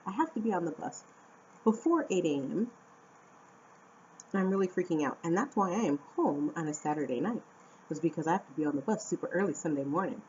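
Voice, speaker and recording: A young American woman from Arizona chatting casually to camera at home, animated and talkative. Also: lowish voice. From Phoenix, Arizona, USA. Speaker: vlogger and English teacher. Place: at home indoors. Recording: dull lo-fi camera audio with faint room noise.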